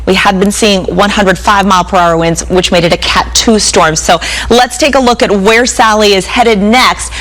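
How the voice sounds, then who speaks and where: Female weather anchor, medium pitch, live news presentation. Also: fairly even intonation, normal speed, hardly any pauses, fairly bright tone, poor audio.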